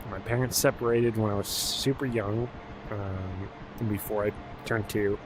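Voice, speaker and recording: A man in his thirties from Alaska, chatting in a relaxed, rambling way with many fillers while streaming a game. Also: lowish voice, measured pace, background noise. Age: 30s. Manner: rambling, laid-back, many fillers and restarts. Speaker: gaming streamer. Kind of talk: casual live-stream chat while playing.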